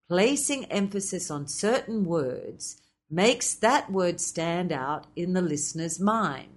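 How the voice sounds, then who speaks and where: A woman teaching presenting skills to MCs, speaking in a measured, explanatory way with playful asides. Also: on the low side. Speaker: MC trainer. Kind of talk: instructional talk.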